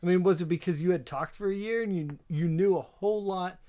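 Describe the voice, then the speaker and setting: A man hosting a casual podcast chat, asking probing questions and thinking out loud, with joking asides. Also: high voice, fairly quick. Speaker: podcast host.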